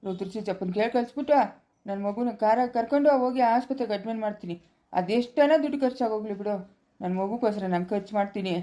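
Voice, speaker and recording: A woman's voice: medium pitch, dark tone, close to an everyday voice. Woman playing an anxious village mother. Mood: soothing, worried. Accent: rural Chikkaballapura Kannada. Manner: fast, pleading and soothing. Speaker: mother in a family skit. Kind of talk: amateur village family drama.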